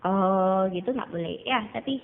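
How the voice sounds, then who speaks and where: A woman's voice: a little high, normal speed. A woman teaching a Mandarin class to children, patiently repeating vowel sounds to drill each tone. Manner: addresses students as children. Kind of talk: online class lesson. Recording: tinny phone-like recording.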